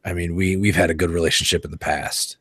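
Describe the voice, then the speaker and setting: A man's voice: low voice, little pitch movement, fast, fairly bright tone, slightly rough. A man running a tabletop role-playing game, casual and a bit tipsy, often laughing and restarting his sentences. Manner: laughing, loose, stumbling restarts. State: tipsy from wine. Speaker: game master. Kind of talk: narrating a tabletop role-play.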